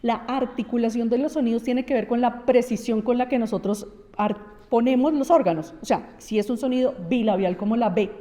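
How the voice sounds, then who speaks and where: In a reverberant room, a woman speech therapist gives an interview explaining voice and articulation. Her voice is mellow, a little high, and slightly fast. She is didactic, counting off her points and acting out examples.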